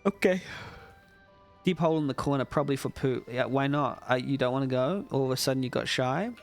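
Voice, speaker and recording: Gravelly man streaming a game. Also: medium pitch, a little fast, soft background music. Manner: wry, chatty asides. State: sleepy, yawning. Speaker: streamer judging a game jam. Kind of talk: casual live commentary while playing.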